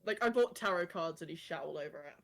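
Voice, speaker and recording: A woman's voice: lowish voice, expressive, fast, creaky. A young woman co-hosting a podcast in casual chat, swearing freely and mimicking friends in exaggerated voices. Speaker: podcast co-host.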